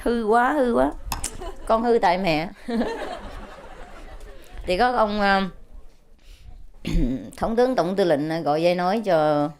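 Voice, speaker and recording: A woman spiritual teacher telling a joke to her audience, with animated, laughing storytelling. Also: medium pitch, slow pace, long pauses, some chatter behind, slight background noise.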